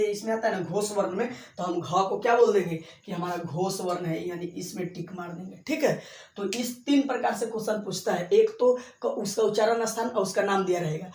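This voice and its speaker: A man teaching a school exam lesson at a board, explaining slowly and repeating himself, drawing out single sounds to demonstrate them. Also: high voice, a little mellow. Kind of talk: blackboard lesson for school exams. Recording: echoey room, voice far from the mic.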